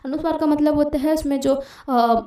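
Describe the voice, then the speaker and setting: A woman teaches a grammar lesson in an explanatory, repetitive way, often checking in with her listeners. Her voice sits a little high and mellow. The room echoes around her. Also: steady tone, moderate pace, recorded from a distance. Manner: explanatory, repeats and checks with "theek hai". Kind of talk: exam-prep grammar lesson.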